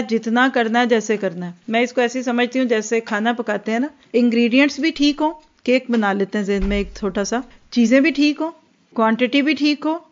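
A woman giving an earnest religious lecture that explains each point and slips English words into her speech. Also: on the high side. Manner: earnest, explanatory, acts out quoted dialogue. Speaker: religious teacher. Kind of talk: Islamic lecture. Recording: dull lo-fi recording.

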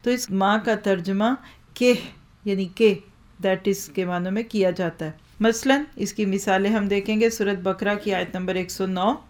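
A woman teacher speaking at a middle pitch in a steady explaining voice. She asks the class questions as she goes and slows down for each verse she recites. Her delivery stays measured and careful throughout. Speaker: Quran teacher. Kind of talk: classroom lesson.

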